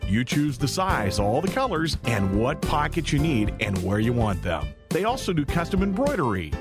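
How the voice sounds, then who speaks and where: A man's voice: medium pitch, sing-song, normal speed. A man reading scripted narration for a local radio commercial. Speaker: commercial announcer. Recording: music bed behind voice.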